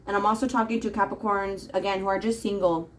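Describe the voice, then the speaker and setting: A woman's voice: medium pitch, fairly even intonation, fast, a little hiss or hum, rough recording. A woman reading tarot cards in a casual, rambling monologue with plenty of fillers. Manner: chatty, rambling, frequent fillers. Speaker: tarot reader.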